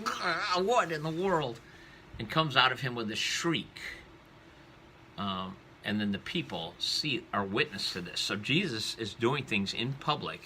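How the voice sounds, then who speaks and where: Rambling, bright-voiced Bible teacher man. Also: lowish voice, slight background noise. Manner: rambling, conversational, with many fillers. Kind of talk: casual Bible lesson.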